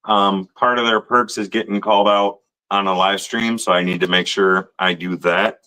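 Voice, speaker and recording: Bright-voiced male live-stream co-host. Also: lowish voice, fairly even intonation, normal speed, rough recording. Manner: friendly, reads out names of channel members. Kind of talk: casual live stream chat.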